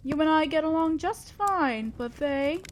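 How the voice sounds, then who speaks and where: In a scripted audio roleplay monologue aimed at the listener, a woman plays an imperious, old-fashioned female demon lord. Her high, expressive voice carries a slight hiss or hum. She sounds commanding, formal and measured, condescending yet concerned, with a thoughtful mood.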